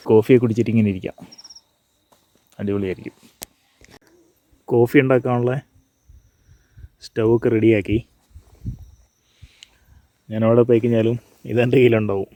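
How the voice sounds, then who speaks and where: A travel vlogger gives casual commentary outdoors at a hilltop viewpoint before and at dawn, narrating what he's doing in Malayalam mixed with English words. His voice is on the low side and mellow, with dull audio and no room sound.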